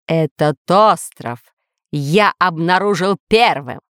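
A woman voicing a boastful masked villain who booms out threats and gloats. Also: lively intonation, takes it slowly, a bit bright, smooth, no echo, clean studio sound. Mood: menacing. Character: boastful masked villain, self-styled ruler of the island.

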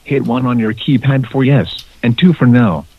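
A man's recorded voice as an automated phone system, its prompts spliced together from separate clips and read in a flat, mechanical way. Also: medium pitch, moderate pace, slightly rough, no room sound. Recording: dull phone line with faint noise.

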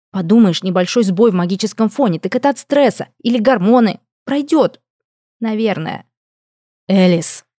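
A woman narrating an audiobook in the first person with an expressive reading. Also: mid-range voice, no echo, studio quality.

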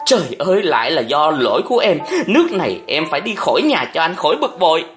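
A woman's voice: very animated, moderate pace, faint music behind. A man voicing a young woman who argues angrily and pleads with her family in a storybook reading. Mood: desperate. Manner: shrill, indignant, pleading.

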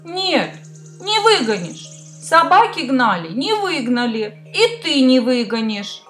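A weepy little storybook hare, voiced by a woman, whines plaintively in a very high voice that climbs and swoops. He sobs as he complains. Faint music plays behind him. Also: big pitch swings, slow pace, fairly bright tone, full character voice. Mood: tearful, plaintive. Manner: plaintive whining. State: crying. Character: small tearful male hare, pitiful.

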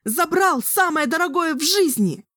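A shrill, wildly swooping voice of a young sorceress wild with grief and fury. She screams her accusations high and hard. The recording is close and dry. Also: expressive, moderate pace, a bit bright, no echo. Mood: hysterical rage. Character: young girl sorceress, grief-stricken and furious. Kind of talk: audiobook character voice.

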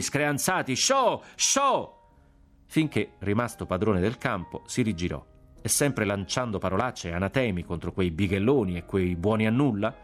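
A man narrates a literary novel in a measured, grave manner. His voice sits fairly low and moves steadily through long sentences. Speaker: audiobook reader.

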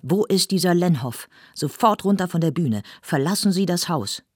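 A shouting, bullying theatre chief, as a woman reads him. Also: lowish voice, animated, normal speed, breathy edge, dry recording, studio quality, pitched above the performer's own voice. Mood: furious. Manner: shouting, commanding. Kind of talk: audiobook reading.

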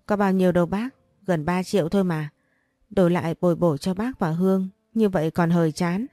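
A woman's voice: on the low side, brisk, dark tone, no room sound, clean studio sound, lightly acted. A woman voicing a scheming young woman who fawns with false politeness in a storybook reading. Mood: sugary.

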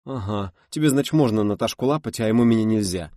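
A man's voice: lowish voice, animated, fast, warm tone, dry recording, voice pushed up, lightly acted. Give me a playful, teasing young lover woman, as a man reads her, in a dry audiobook voice.

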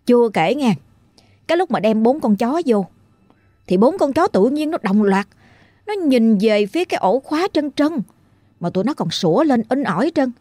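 A woman's voice: fairly high pitch, sing-song, warm tone, dry recording. Chatty woman telling ghost stories. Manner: chatty, dramatic, drawn-out. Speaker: ghost story narrator. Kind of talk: casual storytelling.

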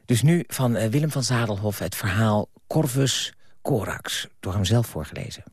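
A man's voice: on the low side, lively intonation, normal speed. A male radio presenter announcing the next story in a casual way, with small hesitations.

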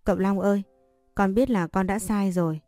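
A woman's voice: medium pitch, fairly even intonation, moderate pace, dark tone, no room sound, faint music behind, natural voice. A woman reading a storybook voicing a frightened teenage servant girl who stammers and pleads. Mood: pleading.

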